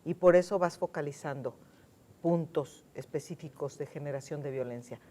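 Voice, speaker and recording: Emphatic Mexican woman, low voice. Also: dark tone. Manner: emphatic, repeats key words, slows to stress points. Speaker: panel guest. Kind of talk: studio panel discussion. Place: television studio.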